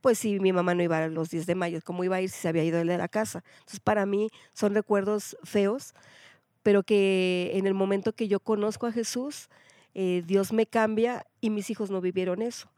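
A woman's voice: mid-range voice, steady tone, normal speed, warm tone, no echo, studio quality. A woman pastor hosting a casual faith talk show, asking rhetorical questions as she guides the talk. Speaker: pastor, host.

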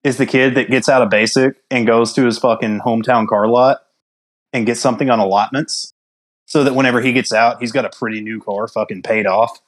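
A man's voice: medium pitch, fairly even intonation, fairly quick. A man in his thirties, a former infantry soldier, talking bluntly and profanely in casual chat. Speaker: army infantry veteran.

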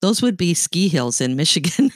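With a lowish voice, big pitch swings and a moderate pace, a middle-aged Canadian woman with a light accent co-hosts a podcast. She chats casually, telling stories and laughing often; the studio-quality recording has no echo.

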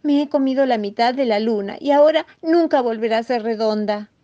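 A woman voicing a small, anxious, excitable mouse in a children's story, squeaky and shrill. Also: unhurried, muffled recording. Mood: distressed.

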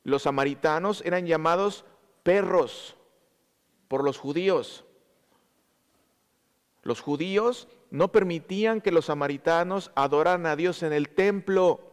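A man's voice: on the high side, unhurried, pauses often, smooth, long reverb tail. A man preaching a sermon to his congregation, teaching with repeated emphasis and speaking to them directly.

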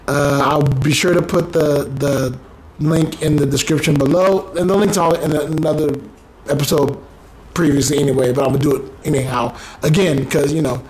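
A man's voice: fairly high pitch, fairly even intonation, normal speed, a little mellow, low-quality recording. Male podcast host, loose and rambling, faint room hum behind. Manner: rambling, filler-heavy, playful. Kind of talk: casual interview chat. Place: rental apartment.

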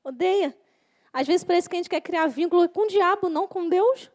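A woman's voice: extremely high pitch, moderate pace, darkish tone. A woman youth leader giving an informal sermon, repeating key phrases and acting out quoted voices.

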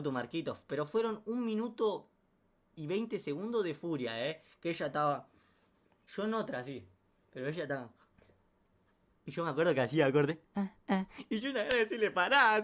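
A man with an Argentine Rioplatense accent telling a comic anecdote in a slangy, animated way, full of sound effects and asides. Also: on the high side. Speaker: storyteller.

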